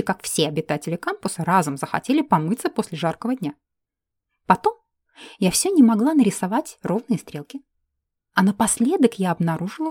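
A woman reads a first-person fantasy audiobook in a warm, mellow voice. Her pitch moves a lot as she tells the story. The recording is dry and close. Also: no room sound. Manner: lively, expressive storytelling. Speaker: audiobook narrator.

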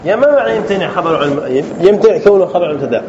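A man's voice: high-pitched, animated, racing. A man teaching Arabic grammar to a class, asking questions and often checking whether students understand. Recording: dull lo-fi classroom recording with faint noise.

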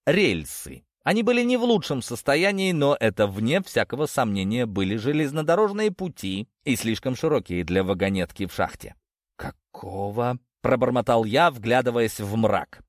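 Expressive male audiobook narrator. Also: medium pitch, normal speed, no room sound, clean studio sound. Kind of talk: first-person audiobook narration.

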